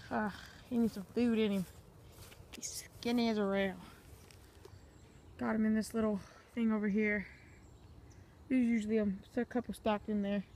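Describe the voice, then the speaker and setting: A woman's voice: medium pitch, little pitch movement, normal speed, long pauses, warm tone, slight background noise. A woman filming a casual fishing vlog on a handheld phone outdoors by a pond, rambling to her viewers as she goes. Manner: rambling, chatty, talks to viewers as "guys". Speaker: fishing vlogger.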